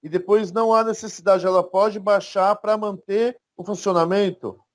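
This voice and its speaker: A man's voice: high voice, fairly even intonation, moderate pace. A man with a Brazilian Portuguese accent, a student asking his teacher a question in a hesitant, informal way.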